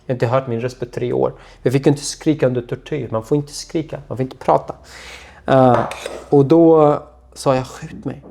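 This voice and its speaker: A man speaking in a halting, low voice, a guest recounting his own past in an interview. His sentences often trail off into near silence. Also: steady tone, creaky, mellow. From Syria. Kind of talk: personal storytelling interview.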